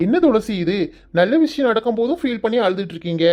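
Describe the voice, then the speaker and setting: A woman's voice: on the high side, animated, quick pace, darkish tone, close to an everyday voice. A woman voicing a young male office boss in a cartoon, kind, coaxing and reassuring. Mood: consoling. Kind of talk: cartoon voice acting.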